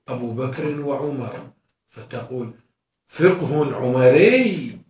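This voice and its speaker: A man teaching a class as a sheikh, often asking his students questions and answering them himself. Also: fairly high pitch. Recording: echoey room, mic far off.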